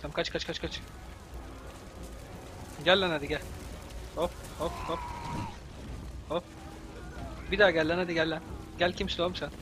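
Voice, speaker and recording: A young Turkish man doing let's-play commentary, yelling and cursing at the game in exasperation. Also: on the high side, steady tone, moderate pace, pauses often, background noise. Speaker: gameplay commentator.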